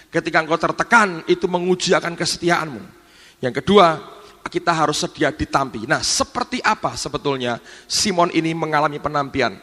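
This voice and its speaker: A middle-aged pastor preaching a sermon, acting out Bible scenes in a lively way. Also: male voice, a little high. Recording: long hall reverb.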